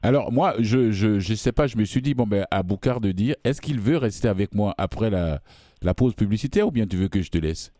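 A man's voice: lowish voice, lively intonation, brisk, mellow, dry recording, clean studio sound. A man hosting a radio interview, answering with short affirmations and frequent laughter. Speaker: radio host.

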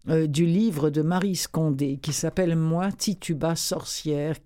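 A man with a Quebec French accent hosts a book show and talks about audiobooks with real enthusiasm. His voice is fairly high for a man but mellow and soft-edged, and he often hesitates as he gathers his thoughts. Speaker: radio book-show host. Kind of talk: casual spoken book review.

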